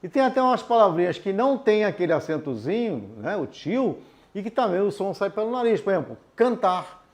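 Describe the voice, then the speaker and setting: In a high, sing-song voice, a man works through an adult literacy lesson at the board. He is patient, explaining slowly and checking in with the learners through phrases like "tudo bem?".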